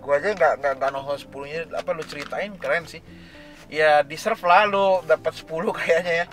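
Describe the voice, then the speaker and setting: A man's voice: fairly high pitch, fairly quick, fairly bright tone, faint music behind. A man hosting a casual interview, asking curious questions and giving brief encouraging replies. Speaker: interview host.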